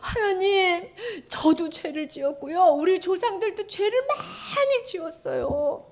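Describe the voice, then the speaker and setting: A woman acting as a pleading repentant man at prayer. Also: moderate pace. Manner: pleading, high and emotional. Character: repentant man praying earnestly to God.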